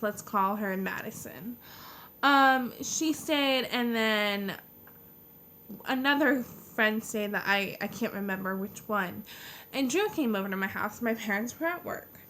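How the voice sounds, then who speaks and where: A young American woman vlogging a casual personal storytime in a halting, informal way, leaning hard on the openers of her sentences. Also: a little high, pushed and bright, a little hiss or hum. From United States. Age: young adult.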